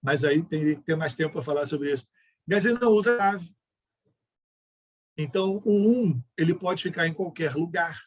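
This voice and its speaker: A man with a fairly high, husky voice gives a music education lecture over a video call. He explains patiently and breaks into sung syllables and numbers to demonstrate. He is from Brazil. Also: moderate pace. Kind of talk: online lecture with sung examples.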